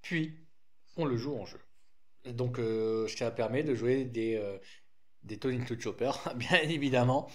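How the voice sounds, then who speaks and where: Guy with a lisp going over his card deck, chatty and rambly, mid-pitched voice. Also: measured pace. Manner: rambling, frequent restarts and fillers, informal. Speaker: card game deck presenter. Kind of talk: casual deck explanation.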